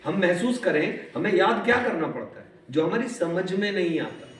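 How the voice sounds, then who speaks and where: High-voiced man lecturing in an echoey classroom. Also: expressive, slight background noise. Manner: mixes Hindi and English, quizzes students, stretches words out slowly. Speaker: professor teaching a class. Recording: echoey classroom, far from the mic.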